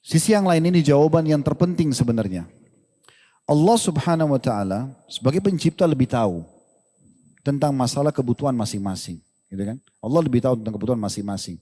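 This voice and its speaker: A man giving a lively religious lecture to an audience, asking rhetorical questions and joking. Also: mid-range voice. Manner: animated, rhetorical questions, jokes and laughs with the crowd. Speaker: Islamic preacher. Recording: long hall reverb.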